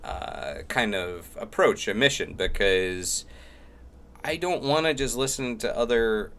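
A man's voice: mid-range voice, a little slow, fairly bright tone. A middle-aged man hosting a podcast in a rambling, self-deprecating, casual way. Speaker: podcast host. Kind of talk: casual chat.

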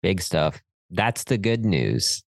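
A man's voice: sits low, big pitch swings, slow pace, gravelly, dry recording. A middle-aged man, a podcast co-host chatting casually in an encouraging way. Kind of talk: casual chat.

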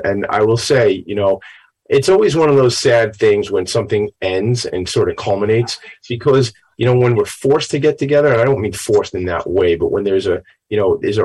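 Gravelly, low-voiced New man hosting. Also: a little mellow, low-quality recording. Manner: folksy, chatty, self-branding patter. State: a little tired after a late night. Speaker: show host. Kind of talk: informal upbeat talk-show monologue.

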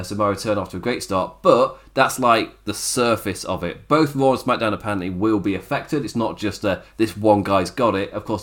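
Rambling through a casual wrestling review show, a raspy, strained-voiced male host chuckles frequently and keeps correcting himself. His voice is lowish.

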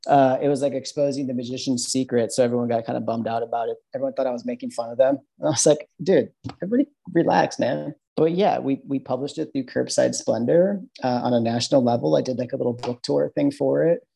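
Easygoing Midwestern guy, husky and dark-toned, rambles through stories on a podcast. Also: medium pitch, fairly even intonation, fast, few pauses, low-quality recording. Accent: Midwestern American. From American Midwest. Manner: loose, rambling, lots of fillers and restarts. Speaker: podcast guest, bartender. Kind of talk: casual interview chat.

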